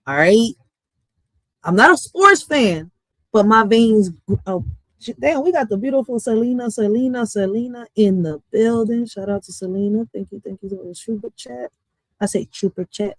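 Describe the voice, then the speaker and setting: A man's voice: high-pitched, a bit bright, dry recording, rough recording. A man from Puerto Rico, raised in the city, talking casually on his livestream, cursing and checking "all right?" after his points. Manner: street-casual, repeats "all right?" and curses. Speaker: livestream host.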